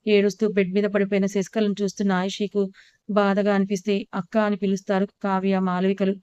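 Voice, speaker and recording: A woman's voice: medium pitch, monotone, a little fast, darkish tone, clear, resonant tone, dry recording, highs cut off. A woman narrating a romance story and reading all the characters' lines in her own voice.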